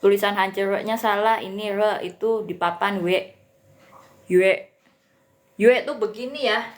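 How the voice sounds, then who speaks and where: Slow, chatty woman teaching Mandarin. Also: medium pitch, steady tone, roomy sound. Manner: chatty, repeats pronunciations, addresses viewers often. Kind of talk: live online language lesson.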